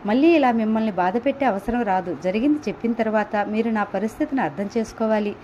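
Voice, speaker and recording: A gentle, apologetic married man, as a woman reads him in an audio story. He coaxes and pleads softly, in a voice set fairly high, on a dull lo-fi recording with faint hiss. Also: fast talker, natural voice. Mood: pleading. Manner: soft, coaxing, pleading.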